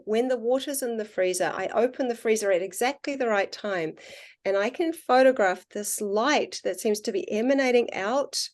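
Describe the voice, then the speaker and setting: A water researcher with a New Zealand accent speaks as a podcast guest in a relaxed, conversational interview. Her pitch is average, and she comes across as earnest and reflective, slowing down on the points that matter to her.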